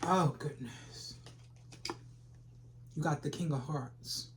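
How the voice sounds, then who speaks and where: A man's voice: fairly high pitch, slow, noisy background. A man giving a rambling, casual tarot reading full of slang and repeated phrases. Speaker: tarot reader.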